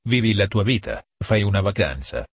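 A man's voice: lowish voice, expressive, moderate pace, slightly rough, no echo, clean studio sound. A man doing a stern caring police officer. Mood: firm caring. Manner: firm, insistent.

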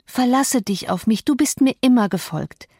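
A woman's voice: fairly high pitch, lively intonation, moderate pace, a little mellow, slightly rough, no echo, clean studio sound, pitched above the performer's own voice. A woman voicing a feverish, delirious young woman who speaks in a raised, exalted, pleading way.

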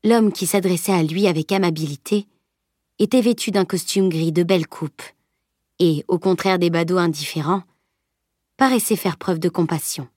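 A woman narrating a novel as an audiobook, in an even, steady reading. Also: on the low side, normal speed, no echo, clean studio sound. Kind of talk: scripted narration.

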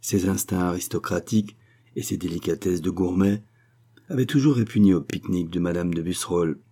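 A man reading a classic novel aloud as scripted narration, in a measured, even way. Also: deep voice. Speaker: audiobook reader.

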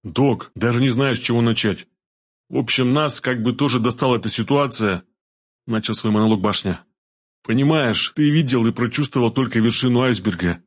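A man voicing a world-weary male deputy commander who speaks slowly in a rueful, confiding way. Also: medium pitch, natural voice.

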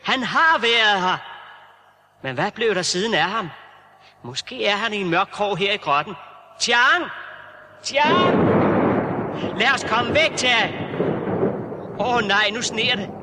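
A man's voice: sits high, animated, long pauses. An actor playing a brave, determined young reporter who talks to his dog, in a radio play. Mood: searching. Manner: earnest, calling out to his dog. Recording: noisy old radio-play recording.

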